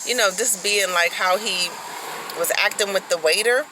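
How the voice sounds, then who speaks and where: A woman's voice: mid-range voice, moderate pace, background noise. A woman telling a personal story in a casual, rambling way, full of likes and ums.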